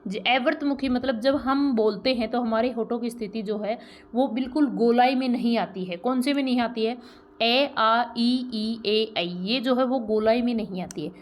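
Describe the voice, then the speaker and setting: A woman's voice: fairly high pitch, a little mellow. A woman teacher explaining grammar step by step, asking rhetorical questions and checking that the class has followed. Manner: pronounces sounds slowly and drawn out as examples. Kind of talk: grammar lesson.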